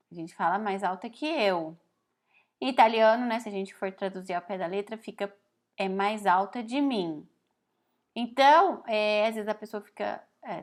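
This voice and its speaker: A Brazilian woman gives a relaxed spoken Italian lesson, explaining slowly and reading phrases aloud. Her voice is medium-pitched, and she keeps tagging on "né?" as a question.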